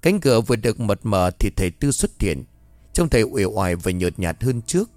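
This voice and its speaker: A man reading a first-person horror story aloud in a slow, suspenseful narrating manner. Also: fairly low pitch, very animated, a little mellow, no room sound.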